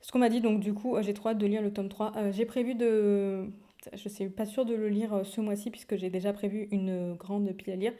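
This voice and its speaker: A young woman talks through her recent reads in a loose, chatty way, stumbling over words, restarting sentences and laughing now and then. Her voice is soft and mellow, at a middle pitch. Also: little pitch movement, brisk. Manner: chatty, many fillers and restarts, frequent laughs. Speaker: book vlogger. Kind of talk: casual chat.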